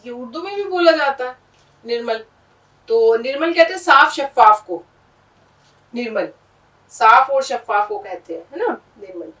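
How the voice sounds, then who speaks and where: A woman's voice: high voice, expressive, pauses often, fairly bright tone, distant mic. A woman teaching a language lesson, patiently spelling out letters and repeating each word. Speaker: Urdu teacher. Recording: echoey room, voice from off-mic.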